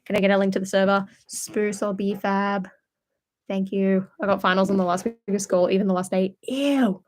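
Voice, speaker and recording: A woman's voice: mid-range voice, fairly even intonation, moderate pace, darkish tone. Young woman, host, loose chatty live-stream storytelling, mid-range voice. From Australia. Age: young adult. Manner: chatty rambling storyteller, many fillers. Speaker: channel host. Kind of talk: casual live-stream chat. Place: at home indoors.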